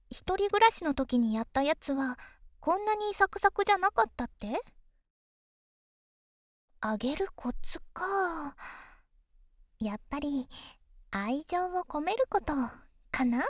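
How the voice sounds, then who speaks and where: A woman voicing an affectionate, teasing young girlfriend in an ASMR ASMR role-play, soft and coaxing, intimate pillow talk. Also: high-pitched, expressive, takes it slowly, long pauses, dry recording, clean studio sound. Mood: playful, affectionate.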